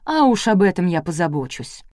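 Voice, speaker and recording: A woman reading aloud, voicing a furious jealous farm wife who shouts threats. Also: lowish voice, very animated, fairly quick, no echo, clean studio sound.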